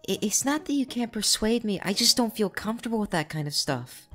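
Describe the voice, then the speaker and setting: A man's voice: high-pitched, sing-song, brisk, pushed and bright, soft background music, voice pushed up, heavily acted. A man using a voice changer to play a shy, hesitant teenage girl who stammers with many ums and uhs. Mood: nervous. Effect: voice changer making a man sound like a girl. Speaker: online creator posing as a girl to catch a predator.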